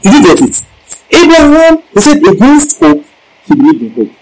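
A man's voice: extremely high pitch, wildly swooping pitch, normal speed, gravelly, low-quality recording. A male preacher giving a Bible-teaching sermon, emphatic, repeating key lines and asking the congregation questions.

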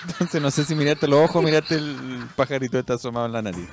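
A Chilean man in a casual chat, teasing his friend with wisecracks and short interjections. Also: fairly high pitch. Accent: Chilean Spanish.

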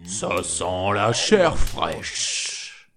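A man voicing a huge greedy male ogre in a storybook reading, slow and far-sounding. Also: deep voice, sing-song, vocal fry, a bit bright, slight background noise, voice pushed down, exaggerated voice. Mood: menacing.

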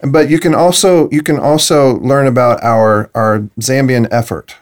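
A man's voice: mid-range voice, steady tone, normal speed. A man hosting a casual interview, responding briefly and encouragingly. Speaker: host.

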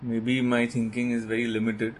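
A man's voice: medium pitch, monotone, moderate pace, crowd noise. A man with an Indian accent co-hosting a podcast, wryly riffing in casual comedic chat and switching between languages. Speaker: podcast co-host.

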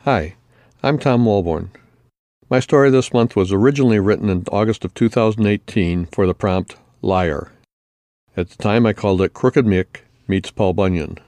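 Low-voiced man reading his story. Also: moderate pace, a little mellow, no room sound.

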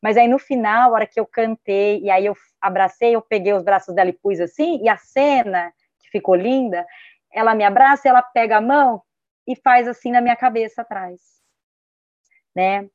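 A woman's voice: on the high side, normal speed, no echo. Brazilian woman music therapist rambling on a video call, lots of né, restarts, audio a bit muffled and dead dry. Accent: Brazilian Portuguese. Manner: chatty, tags nearly every sentence with a questioning 'né', restarts often; gets lively when retelling a story. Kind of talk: casual online panel conversation.

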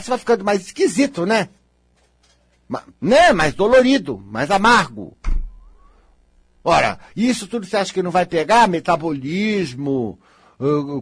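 Husky, teasing Brazilian counselor. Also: male voice, high voice, no echo. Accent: Brazilian Portuguese. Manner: teasing, emphatic, coaxing. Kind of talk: live counseling session with a participant.

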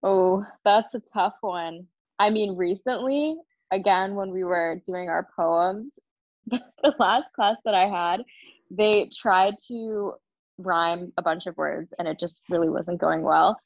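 A young woman from New Jersey chatting casually on a podcast, relaxed and easily amused. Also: lowish voice, slow pace, no echo. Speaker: podcast co-host, English language assistant. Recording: dull, dry lo-fi mic.

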